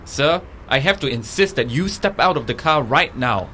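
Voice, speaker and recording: A man's voice: mid-range voice, lively intonation, moderate pace, bright, forceful tone, a little hiss or hum. A man playing a polite, insistent police officer questioning someone in a comedy sketch. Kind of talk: comedy podcast sketch acting.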